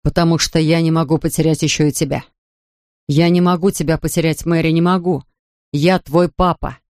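A narrator voicing a grieving father who talks softly, slowly and tenderly to his daughter. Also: steady tone, dry recording, studio quality, lightly acted. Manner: soft, low and slow, pleading. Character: grieving gentle father, a big man. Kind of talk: audiobook character voice.

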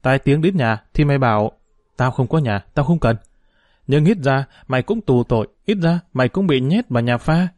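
A man's voice: medium pitch, lively intonation, moderate pace, darkish tone, no echo, lightly acted. A man voicing an earnest poor boy.

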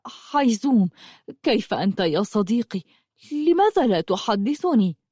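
A woman voicing an earnest adult horseman who speaks tenderly and in hushed tones to his beloved horse. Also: sits high, very animated, normal speed, husky, dry recording, clean studio sound, heavily acted. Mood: pleading.

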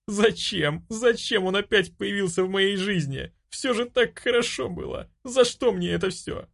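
A man voicing a young noblewoman in an audiobook, distraught, shrill and near sobbing. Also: unhurried, vocal fry, a bit bright, exaggerated voice. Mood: tearful. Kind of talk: audiobook character voice.

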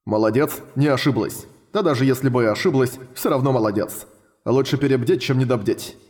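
A man's voice: mid-range voice, fairly quick, lightly acted. A man voicing a brash, protective young adventurer in an audiobook. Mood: praising. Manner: loud, exasperated.

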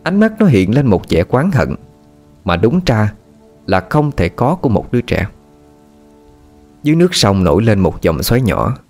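A man narrating a ghost story in a steady, somber way. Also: fairly low pitch. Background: rain and soft music.

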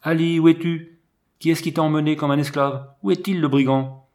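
A man putting on an excitable proud donkey owner. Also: a little high, fairly quick, pitched above the performer's own voice, lightly acted. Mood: pleading.

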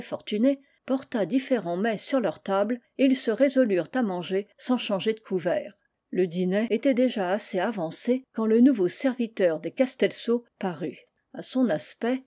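Woman reading a classic novel, mellow. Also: medium pitch. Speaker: reader. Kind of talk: audiobook narration.

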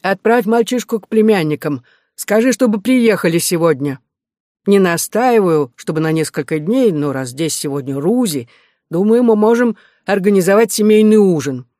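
Kindly old guy reminiscing, gently teasing, bit high voice, read by a man, dry sound. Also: lively intonation, moderate pace, no echo. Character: kindly old widowed uncle, lonely, humorous.

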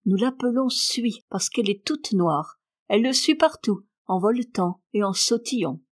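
The stubborn, chatty young housemaid of a storybook is read aloud by a woman with a medium-pitched, expressive, natural voice at normal speed. Her audiobook delivery stays plain and matter-of-fact.

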